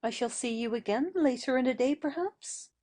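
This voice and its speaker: A high-pitched woman plays a poised, kindly young lady in an audio drama. Her delivery is measured, with a gentle, teasing reproach.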